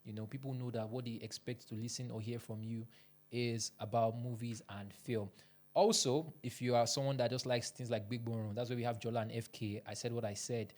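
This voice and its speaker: A man's voice: mid-range voice, fairly even intonation, a little fast, darkish tone. A man giving earnest, instructive advice to camera from a podcast studio, speaking into a studio microphone, now and then pushing out an emphatic line. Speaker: podcast coach.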